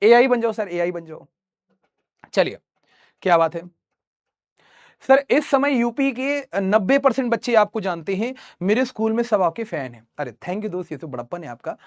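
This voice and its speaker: Young up-math teacher bantering w/ chat, dry close sound. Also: male voice, high-pitched, expressive, normal speed, dry recording. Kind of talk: live online class with chat.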